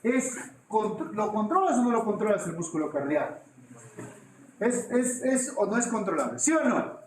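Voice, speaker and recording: Man, anatomy lecture, high voice, quizzes students, echoey classroom. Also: normal speed, a little hiss or hum. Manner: lively, quizzes students with rhetorical questions. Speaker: anatomy teacher. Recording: echoey classroom with faint ambience.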